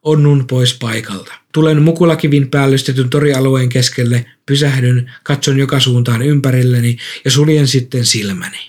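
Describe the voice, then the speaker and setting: A man reading a first-person story aloud in a calm, measured way. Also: medium pitch. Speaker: narrator.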